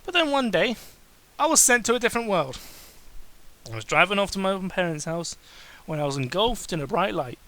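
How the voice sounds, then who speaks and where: A host reads fan fiction aloud as a comedic dramatic performance, mocking and exasperated, tripping over the text and breaking off for sarcastic asides. The voice is mid-range, with background noise behind it.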